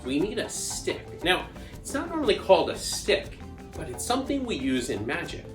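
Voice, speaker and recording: Kids' party magician host: playful, coaxing, highly expressive pitch, interactive patter, roomy echo. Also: moderate pace, over music. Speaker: children's magician and show host.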